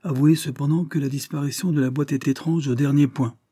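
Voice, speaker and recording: Man voicing a shrewd gentleman adventurer. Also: fairly high pitch, steady tone, breathy edge, no echo, studio quality, voice pushed up. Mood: probing. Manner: measured, questioning, firm.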